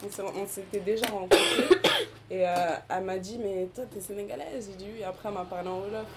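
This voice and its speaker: A woman chatting casually with friends, telling personal stories in an animated way and often laughing as she talks. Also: mid-range voice, brisk, heavy background noise. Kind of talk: casual chat about a book. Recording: crowd chatter behind her.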